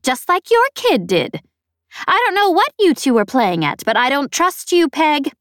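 A woman's voice: high voice, sing-song, unhurried, fairly bright tone, dry recording, studio quality, pitched above the performer's own voice, full character voice. A woman voicing a snappish, distrustful male pirate boss in an audiobook.

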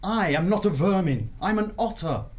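A man's voice: sits high, lively intonation, moderate pace, voice pushed up. A man voicing a level, reasonable male otter warrior in an animal storybook. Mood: calm.

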